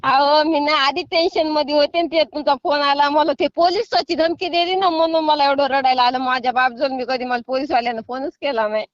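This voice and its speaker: A woman's voice: sits high, steady tone, fairly quick, few pauses, no room sound. A middle-aged woman on a phone call, scolding at first and then pleading and apologizing. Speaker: prank call target. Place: sitting in a field.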